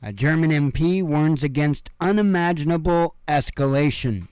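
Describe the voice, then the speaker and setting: A man with a fairly high, slightly mellow, smooth voice talks at a normal speed. He's a news commentary host from Illinois, casually going over headlines at home and rambling through offhand remarks full of fillers. The recording is dry.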